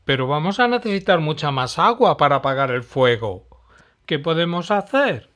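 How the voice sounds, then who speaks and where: A man's voice: fairly high pitch, sing-song, normal speed, fairly bright tone, pitched above the performer's own voice. A man voicing a small, worried forest animal. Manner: worried, anxious.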